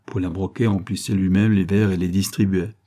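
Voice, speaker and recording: A man reading a serialized detective novel aloud in a measured storytelling manner. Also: low-pitched, flat delivery, dark tone. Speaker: audiobook reader. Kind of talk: scripted narration.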